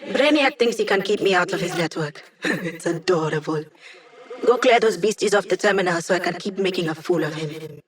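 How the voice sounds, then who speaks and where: A woman's voice: on the low side, expressive, moderate pace, roomy sound, far from the mic, lightly acted. A woman voicing a cocky, playful young female hacker in a video game, with a wry, teasing, self-assured delivery. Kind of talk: video game character voice lines.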